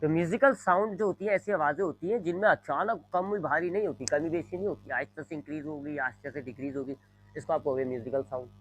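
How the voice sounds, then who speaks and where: A physics teacher lectures his class in a slightly high, fairly bright voice, talking fast over slight background noise in poor microphone audio. He draws on a board as he goes, explains using repeated everyday examples, uses "जी" a lot, and blends in English terms.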